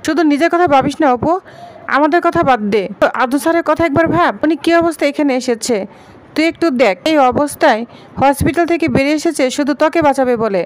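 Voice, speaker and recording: A worried mother scolding and urging her daughter, as a woman narrator reads her lines. High voice, quick in places. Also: close to an everyday voice, rough recording.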